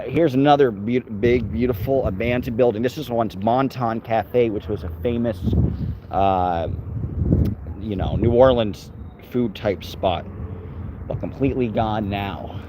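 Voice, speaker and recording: A man with a lowish voice walks his dog outdoors on city streets, rambling casually to his live-stream audience and his dog. The background is noisy.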